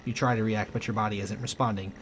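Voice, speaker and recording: A man hosting a let's play, reading game text aloud with a quick, lightly dramatic delivery. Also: lowish voice, steady tone, slight background noise.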